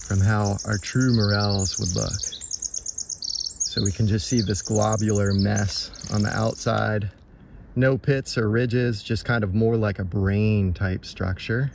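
A man hosting a forest foraging vlog, narrating his walk outdoors with relaxed, enthusiastic show-and-tell. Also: on the low side, creaky, noisy background. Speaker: foraging vlogger.

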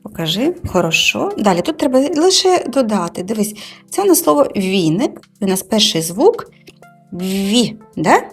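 Woman tutor, animated and patient, coaxes a young pupil through syllables, music bed behind. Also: medium pitch, moderate pace, breathy edge. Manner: patient, coaxing, drawing out sounds. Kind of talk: live reading lesson with a child.

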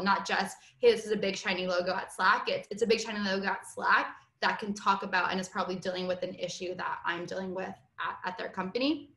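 A woman's voice: medium pitch, a bit bright. Woman, 30s, panelist; casual, filler-heavy delivery, roomy webcam audio. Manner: chatty, quick, many fillers. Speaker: customer success panelist. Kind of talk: casual panel talk on a video call. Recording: roomy video call audio.

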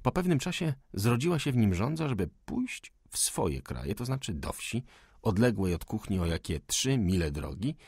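A male audiobook narrator reads classic prose in a measured, steady storytelling manner. His voice is husky and gravelly. The recording is close and dry, with no room echo. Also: lowish voice.

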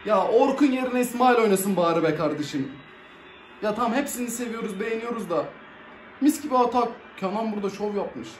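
A high-pitched man calls a football match live as he watches, jumping from yells to low grumbling in loose slang. He is in an echoey room with faint ambient noise behind him. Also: fairly quick. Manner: excitable, swings between shouting and grumbling, casual slang. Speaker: football fan reacting to a match. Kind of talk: live match reaction commentary.

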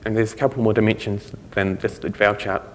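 Low-voiced New man lecturing, echoey hall. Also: fairly even intonation, a little hiss or hum. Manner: halting, informal explanatory delivery with trailing thoughts. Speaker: conference speaker. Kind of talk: technical lecture to an audience. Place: conference lecture room, indoors. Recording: reverberant hall recording.

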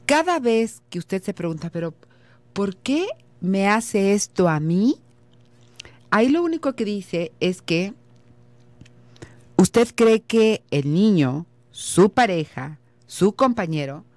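A woman's voice: medium pitch, lively intonation, slow, a little mellow, dry recording. A middle-aged Mexican woman hosting a radio advice show, explaining patiently and speaking straight to the listener. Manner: explanatory, addresses listener directly, acts out example lines.

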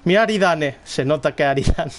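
A young man with a Spanish accent casually commenting on his football game, excitable, often repeating words and shouting at plays. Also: on the high side. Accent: Spanish (Spain). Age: young adult. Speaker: gaming streamer. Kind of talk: casual live gameplay commentary.

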